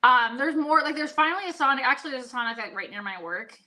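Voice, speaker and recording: A woman's voice: high-pitched, animated, fast, bright, forceful tone, slight background noise. A young woman from Virginia chatting casually on a livestream, rambling with many fillers and restarts. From Virginia, USA. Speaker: livestream co-host. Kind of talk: casual chat.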